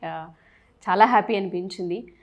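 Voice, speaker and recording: A woman's voice: medium pitch, normal speed, lo-fi sound. A woman hosting an interview, politely asking questions and addressing her guest respectfully as sir. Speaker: interviewer host.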